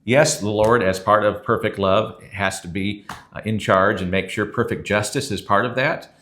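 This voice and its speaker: A man's voice: lowish voice, steady tone, normal speed, pushed and bright. A man who is a pastor, teaching a sermon in an earnest, conversational way and reading scripture aloud.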